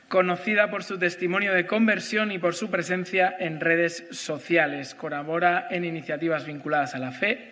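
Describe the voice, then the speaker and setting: A man hosting an event, formally introducing the next speaker with brief warm asides. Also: on the high side. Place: large auditorium. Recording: long auditorium reverb.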